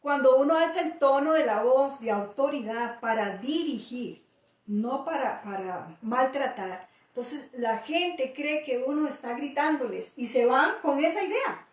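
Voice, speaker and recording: A woman's voice: high-pitched, lively intonation, measured pace. A middle-aged woman pastor preaching in an emphatic way, repeating key phrases for weight. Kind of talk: preaching talk. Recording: roomy audio from a distant mic.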